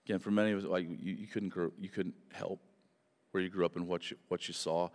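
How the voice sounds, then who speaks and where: A man's voice: deep voice, little pitch movement, quick pace, darkish tone. A man preaching a sermon at a pulpit microphone, emphatic, with repeated phrases and rhetorical questions. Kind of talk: sermon to a congregation. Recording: reverberant hall.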